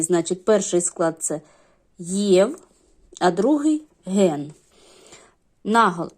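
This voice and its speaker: A woman's voice: medium pitch, a little mellow. A middle-aged woman teaching a lesson to young children, explaining patiently step by step. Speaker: primary school teacher.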